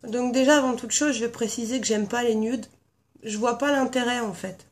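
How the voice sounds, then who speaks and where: A hoarse woman chatting casually in a vlog, blunt and frank, rambling with lots of fillers. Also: on the high side, normal speed. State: hoarse from a sore throat. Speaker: vlogger, founder of a paranormal blog team. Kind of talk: casual chat answering a tag. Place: at home with her cat nearby.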